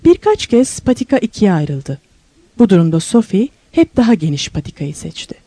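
Expressive woman reading a novel aloud. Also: mid-range voice, breathy edge, dry recording. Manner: expressive storytelling, slows and rises for wonder and questions. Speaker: audiobook narrator. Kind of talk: scripted novel narration.

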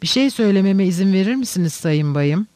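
A man voicing a reckless, feverish young male gambler who blusters and shouts. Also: high voice, lively intonation, no room sound, clean studio sound. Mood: bold. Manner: loud, blustering, quick to shout.

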